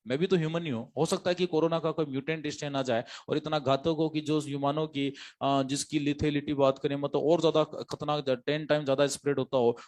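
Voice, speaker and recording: A man's voice: fairly high pitch, darkish tone. A man teaching biology to exam students, an emphatic lecturer who repeats key phrases and quizzes his class.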